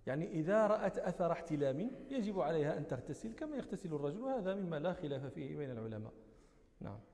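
A man with a Moroccan accent gives a religious lesson, his voice high and soft-toned. He explains terms step by step and stops to fix his own slips. The sound carries a long reverb, as in a large hall. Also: sing-song, racing. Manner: explanatory, corrects himself mid-sentence. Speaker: teacher of hadith.

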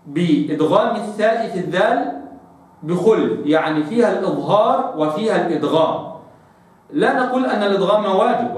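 A man's voice: high voice, far from the mic. Echoey man teaching recitation. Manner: slow drawn-out demonstration of words; repeats sounds for learners to hear. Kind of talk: tajweed lesson with demonstrations. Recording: very echoey, off-mic.

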